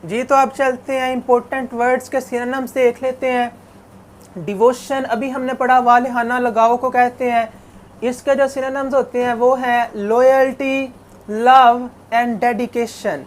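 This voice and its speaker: A woman teaching an English lesson, reading English phrases slowly and explaining them in Urdu, asking and answering her own questions. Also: on the high side, flat delivery. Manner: corrects pronunciation for students. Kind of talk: classroom lecture, translating English to Urdu. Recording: faint background noise.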